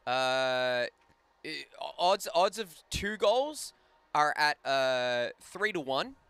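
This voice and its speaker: A man calls a live ice hockey game in a chatty, joking manner, trading banter with his partner. His voice is bright and crisp, sitting a little high for a man, and the sound is close and dry with no room around it. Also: very animated, extremely slow, no echo. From Australia. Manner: chatty, banters and laughs often. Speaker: play-by-play commentator.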